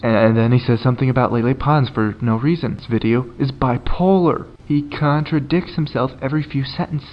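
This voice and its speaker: A man's voice: mid-range voice, gravelly, lo-fi sound. A man doing casual commentary, sarcastic and swearing often. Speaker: commentary YouTuber.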